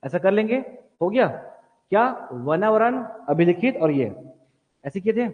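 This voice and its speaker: High-voiced man drilling a class. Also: big pitch swings, unhurried. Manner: repetitive question-and-answer drilling; directs students to write notes. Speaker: teacher. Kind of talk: exam coaching lecture. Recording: tinny phone-like sound in a reverberant hall.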